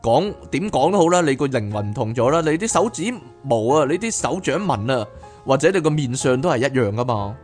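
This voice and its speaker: A man reads a book aloud as podcast host and breaks off into animated, chatty asides. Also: medium pitch, fairly quick, soft background music. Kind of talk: reading a book aloud with commentary.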